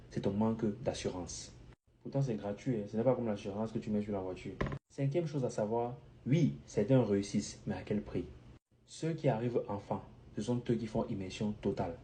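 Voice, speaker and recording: A French-speaking man talking straight to camera in an animated, joking way while giving English accent tips. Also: lowish voice, a little hiss or hum. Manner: animated and playful, with jokes and mock English phrases. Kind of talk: direct-to-camera vlog talk.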